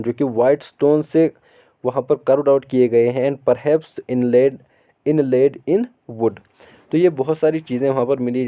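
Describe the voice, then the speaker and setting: A man teaching a school history lesson, reading English textbook lines slowly and then explaining them at length, with many repetitions. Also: medium pitch. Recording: phone-like narrow sound.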